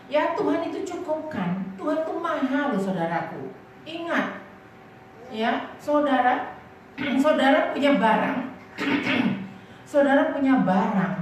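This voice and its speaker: A woman pastor preaching in a lively, chatty way, telling personal stories and often asking the congregation to agree. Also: fairly high pitch, slight background noise. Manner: lively storytelling, keeps asking the congregation "right?"; casual and chatty, often laughing as she tells stories. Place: church. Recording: echoey church hall from a distant mic.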